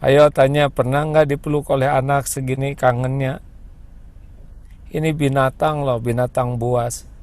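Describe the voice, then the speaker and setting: A man preaching a parenting sermon to a webinar audience, gentle and conversational, now and then acting out a mother's pleading voice in a higher pitch. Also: little pitch movement, measured pace.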